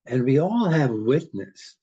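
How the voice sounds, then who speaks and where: A man in his eighties from Hungary, talking in a slow, rambling, philosophical way in casual conversation. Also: mid-range voice, sing-song, warm tone, breathy edge, muffled recording. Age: 80s.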